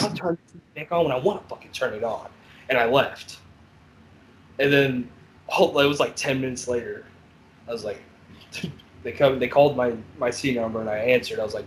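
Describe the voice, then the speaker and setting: A man of ordinary pitch telling rough stories of his time as a guard, swearing freely and acting out both sides of each exchange. His voice swings between low, hushed asides and loud bursts. A faint hiss sits under the recording. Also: rough recording. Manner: blunt, profane, animated storytelling. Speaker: podcast host, former corrections officer. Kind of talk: casual storytelling chat.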